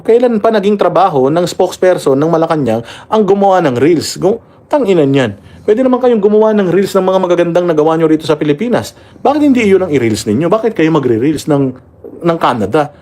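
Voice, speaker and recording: Man, Filipino accent, heated rant, mocking, swears, fairly high voice. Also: darkish tone. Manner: reads viewer comments aloud. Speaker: political commentary host. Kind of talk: casual political commentary.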